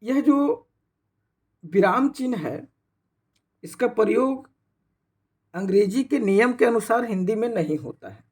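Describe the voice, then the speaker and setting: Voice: mid-range voice, expressive, measured pace, long pauses, a little mellow, husky. A teacher giving a grammar lesson, explaining step by step with frequent rhetorical questions and some restarts. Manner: explains step by step, often fills with rhetorical "what is it".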